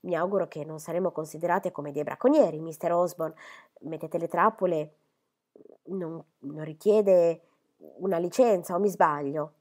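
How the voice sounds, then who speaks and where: A woman voicing a flustered, chatty middle-aged spinster who talks in high, gushing bursts. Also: moderate pace, warm tone, natural voice. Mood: chattering. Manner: gushing, high, breathless apologies.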